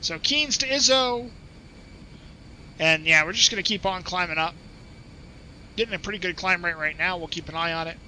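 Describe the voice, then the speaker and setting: A man casually commenting on his flight simulator session, chatting and laughing easily while reading back radio clearances. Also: high voice, moderate pace, long pauses, pushed and bright, a little hiss or hum, rough recording. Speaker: flight sim streamer.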